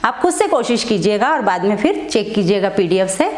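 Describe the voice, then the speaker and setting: A woman's voice: medium pitch, big pitch swings, a little fast, echoey room. A woman teaching a Hindi lesson, asking questions and answering them herself as she goes. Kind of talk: online classroom lesson.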